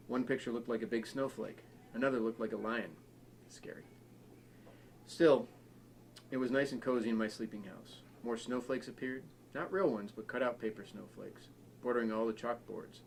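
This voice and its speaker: A man reading a children's chapter book aloud, settling into a steady storytelling rhythm. His voice has a gravelly, creaky grain at a middle pitch, with a faint hiss of noise under it. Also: poor audio. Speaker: reader.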